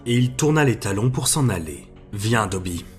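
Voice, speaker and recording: A man narrating an audiobook in a steady, measured storytelling voice. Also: mid-range voice, music in the background. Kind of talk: audiobook reading.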